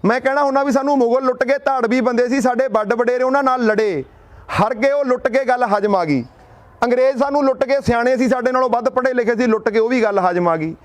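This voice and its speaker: A young man addressing a gathering in a rousing speech, asking and answering his own rhetorical questions and telling a folk tale. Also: very high-pitched. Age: young adult.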